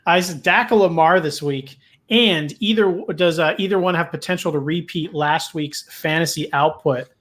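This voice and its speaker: Higher-voiced man hosting a sports chat. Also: normal speed, a bit bright. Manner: hesitant, many fillers and restarts. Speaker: podcast host.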